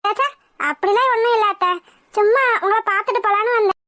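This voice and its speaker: A woman's voice: very high voice, quick pace, sharp tone, no echo, studio quality. Woman voicing a stern young cousin. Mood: gentle. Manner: coaxing, then demanding and scolding. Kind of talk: cartoon voice acting.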